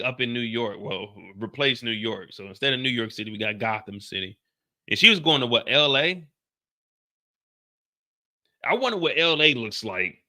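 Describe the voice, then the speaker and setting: Reacting to a TV episode, a man with a pushed, bright, mid-range voice addresses the screen in casual slang. He has a mild stutter and hosts reaction videos.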